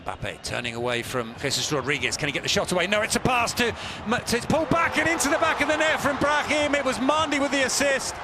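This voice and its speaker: A man doing live football match commentary, building from measured calls to excited exclamations. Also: very high-pitched. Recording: very noisy stadium match broadcast.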